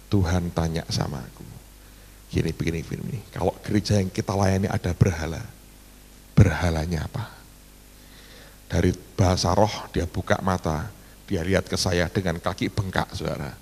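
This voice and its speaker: A man's voice: sits low, normal speed, creaky, pauses often, in a large hall, slight background noise. A middle-aged male pastor, telling a story in a sermon and calling the congregation "saudara". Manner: animated, addresses congregation as "saudara".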